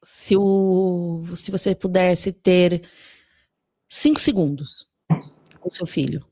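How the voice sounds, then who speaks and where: A woman with a lowish voice hosts a podcast and leads an emotional interview. She asks gentle, searching questions at an unhurried pace. The sound is close and dry. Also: dry recording. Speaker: podcast host.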